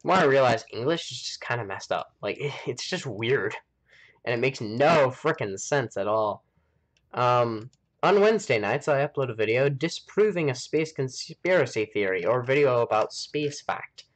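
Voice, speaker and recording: While playing on his live stream, a man from the United States rambles and thinks out loud in easygoing chat. He has an expressive mid-range voice and speaks at a normal speed.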